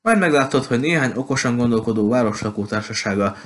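A man's voice: mid-range voice, expressive, close to an everyday voice. A man voicing a talkative, gushing petite woman who runs a bookshop, in an audiobook. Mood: chatty. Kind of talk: audiobook character voice.

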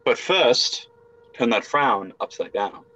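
A young man playing a brash, evasive, confused exile caught stealing, halting and excitable, in an amateur video game role-play drama. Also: mid-range voice, full character voice. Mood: cheeky. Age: young adult. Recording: muffled lo-fi home webcam audio.

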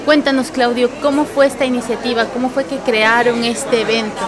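A woman's voice: a little high, level tone, normal speed, a crowd in the background. A woman reporter interviewing guests in a small café venue, asking upbeat questions into a handheld mic.

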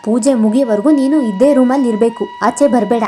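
A woman's voice: a little high, fairly quick, soft background music, close to an everyday voice. A woman doing a haughty rich sister. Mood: scornful. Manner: sharp, scolding, contemptuous.

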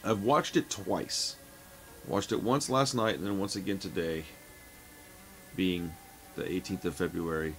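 A man in his late thirties giving a casual, chatty horror movie review from his home, often calling the listener "man". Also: sits low. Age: 30s. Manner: relaxed and chatty, says "man" a lot. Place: home room lined with shelves of records and films.

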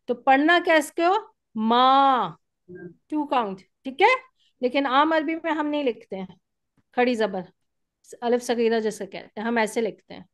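A woman teaching an Arabic grammar class online, explaining patiently step by step and often checking that students follow. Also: high voice. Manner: patient, explains step by step with frequent "theek hai?".

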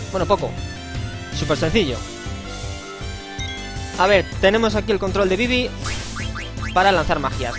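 A man with a Spanish accent giving casual, playful gameplay commentary, joking and exclaiming as he plays. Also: a little high. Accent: Spain. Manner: playful, slangy, jokes and exclaims while playing. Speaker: let's play host. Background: faint game music.

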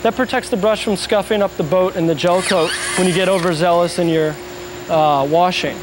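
A man with a fairly high voice walks through a factory, explaining each step of production in a plain, steady way. Machine noise hums clearly behind him on the shop floor. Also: moderate pace. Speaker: factory guide explaining brush making. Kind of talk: on-site factory tour explanation.

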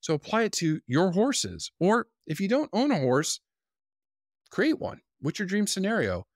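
Lively man introducing an online course. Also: high-pitched, unhurried, dry recording, clean studio sound. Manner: upbeat, lively teaching delivery. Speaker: course instructor. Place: small indoor studio with wood wall. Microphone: studio mic on boom arm.

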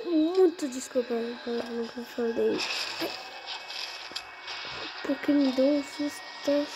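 A woman's voice: sits high, slow pace, pauses often, background noise. A young girl playing a game on her channel, talking to herself as she goes and easily startled. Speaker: gaming channel host. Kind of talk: casual gameplay commentary.

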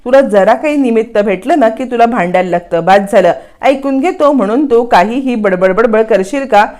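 A woman's voice: on the high side, moderate pace, a little mellow, close to an everyday voice. A woman narrator reading the lines of a young husband who argues back defensively with his wife. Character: young husband, patient but quick to argue.

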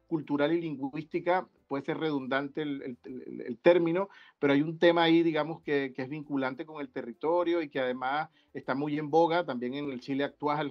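Man on a muffled video call. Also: a little high. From Venezuela. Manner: halting, with many restarts and fillers. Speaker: guest researcher. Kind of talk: academic video-call panel talk. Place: indoor room. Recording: dull lo-fi video-call audio.

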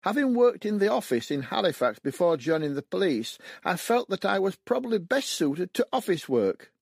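A man's voice: sits high, big pitch swings, moderate pace, creaky, slightly rough, no room sound, studio quality. A man in his seventies from West Yorkshire, reading his own memoir aloud in a plain, matter-of-fact way. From West Yorkshire, England. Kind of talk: audiobook memoir narration.

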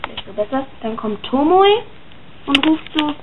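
A woman's voice: sits high, sing-song, moderate pace, slight background noise. A woman chatting casually and hesitantly as she comments on her own drawings and reads their captions aloud. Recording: tinny phone-like sound.

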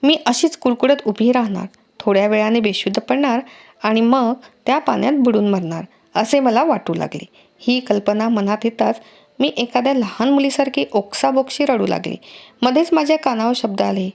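A woman reading a novel aloud as a first-person storyteller, with an expressive, dramatic delivery. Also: on the high side, creaky. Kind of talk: audiobook narration.

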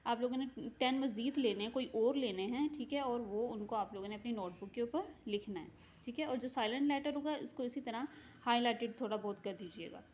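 A woman teacher talks through a recorded lesson in a fairly high voice. She reads English examples slowly, then explains them quickly and checks in with her pupils. A faint noise sits under the recording. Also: a little mellow. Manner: frequent "theek hai" checks with students. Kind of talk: recorded remote class lesson.

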